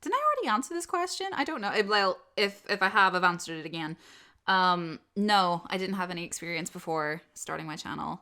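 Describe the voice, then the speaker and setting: An audio roleplay creator and host answers follower questions in a casual subscriber Q&A, chatting expressively and with self-deprecation. Her voice is on the low side yet bright and forceful, animated and a little fast, with a clean tone.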